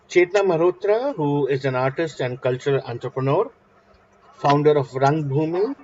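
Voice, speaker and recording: A man's voice: mid-range voice, muffled recording, a little hiss or hum. A man moderating an online event, formally reading introductions of the next speakers.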